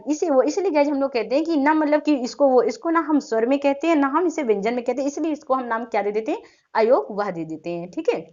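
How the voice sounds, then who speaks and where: A woman with a high-sitting voice teaches an exam-prep grammar lesson, quizzing students and then answering her own questions while repeating key terms. The audio sounds dull.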